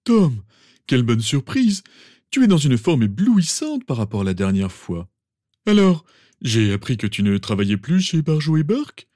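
A man voicing a pompous, sentimental old male wizard professor, with theatrical, drawn-out exclamations. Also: medium pitch, sing-song, warm tone, no room sound, clean studio sound, natural voice. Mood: fussing. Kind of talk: fan audiobook reading.

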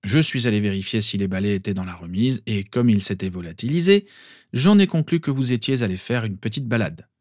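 A man's voice: on the low side, lively intonation, a little fast, a little mellow, no echo, clean studio sound, close to an everyday voice. A man voicing a stern but kind father who scolds firmly. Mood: scolding. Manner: firm, scolding.

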